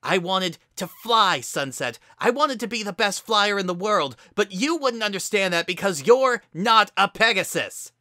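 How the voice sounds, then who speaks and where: A narrator playing a furious, bitter pegasus mare. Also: female voice, on the low side, expressive, normal speed, no room sound, studio quality, voice pushed up. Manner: loud, bitter, accusing. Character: young female pegasus pony, injured, bitter and fiery.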